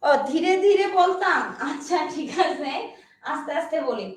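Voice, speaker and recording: A woman gives a classroom lecture on English literature in a very high voice. She explains step by step and keeps asking whether her students follow. She sounds far from the mic in a strongly echoing room. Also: expressive. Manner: explains slowly, checks understanding with repeated questions.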